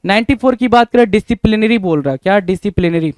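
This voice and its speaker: A male teacher spells words aloud letter by letter and keeps asking his students questions, then answers them himself. His voice sits a little high and sounds smooth and crisp, recorded dry and close. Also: expressive, fast, darkish tone, dry recording. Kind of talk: spelling lesson.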